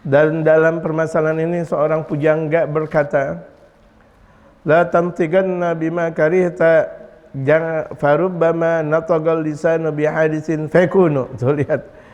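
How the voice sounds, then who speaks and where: Male preacher, high voice, animated delivery with loud outbursts, long hall reverb. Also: measured pace, highs cut off. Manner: lively, swings from quiet to loud, chuckles often. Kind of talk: Islamic sermon in Indonesian.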